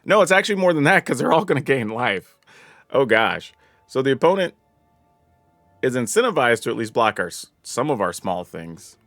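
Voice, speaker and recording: A man from the American South commenting casually on his own card game, thinking aloud and getting excited over big plays. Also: medium pitch, moderate pace, no echo, soft background music. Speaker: gameplay commentator.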